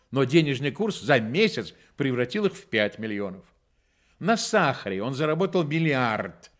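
A male actor with a medium-pitched voice narrates a satirical radio play as a wry, theatrical storyteller, drawing out weighty phrases.

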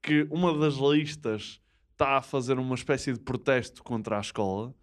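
A man's voice: medium pitch, normal speed. Casual male co-host, European Portuguese accent. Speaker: podcast co-host. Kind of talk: casual chat.

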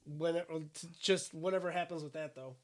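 Brief: high-pitched young male podcast co-host, opinionated, swears, casual banter. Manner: opinionated, swears freely, quick asides. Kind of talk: casual chat.

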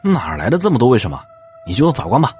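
A man voicing a cocky young male police officer who talks smugly and teasingly, with a husky voice. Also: mid-range voice, huge pitch swings, racing, darkish tone, faint music behind. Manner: smug, teasing, with scoffs. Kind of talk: audio drama acting.

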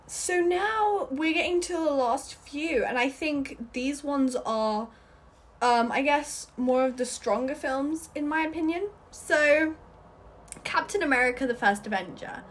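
A young woman giving a casual, rambling film review, full of fillers and restarts, with a slightly husky voice. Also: sits high, a little slow.

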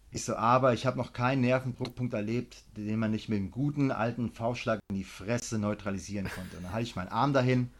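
A man who coaches martial arts, telling a story casually in a podcast interview, acting out both sides and swearing freely. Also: fairly low pitch. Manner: gets loud when worked up.

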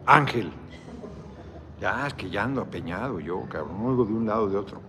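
A man's voice: lowish voice, animated, brisk, pushed and bright, slight background noise. A tired middle-aged man with a Mexican accent, chatting casually on a livestream, rambling, cursing and reading out viewer comments. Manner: rambling, salty slang, reads viewer comments aloud. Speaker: politician hosting a live video chat.

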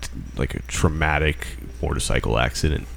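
Deep-voiced man telling eerie stories. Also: a little fast, vocal fry, a bit bright, a little hiss or hum. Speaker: podcast co-host. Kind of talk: casual chat.

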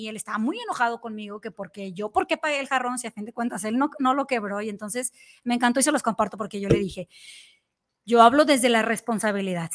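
Woman, Mexican accent, high voice, slangy animated storytelling, casual talk show chat. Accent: Mexican Spanish. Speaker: co-host.

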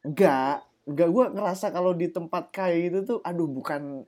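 A man's voice: fairly high pitch, moderate pace, a little mellow. A young man from Java in a casual chat, speaking thick with slang and casual swearing. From Java, Indonesia.

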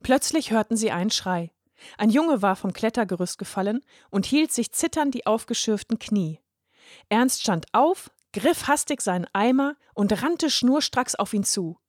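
A woman narrating a children's story with a clear, even read-aloud delivery. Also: on the high side, moderate pace, no room sound, studio quality.

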